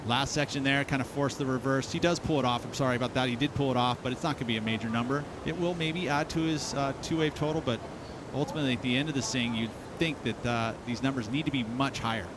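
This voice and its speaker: A man's voice: steady tone, quick pace. A man giving live analysis of a surf contest in a conversational, explanatory way. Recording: clear outdoor rumble and noise.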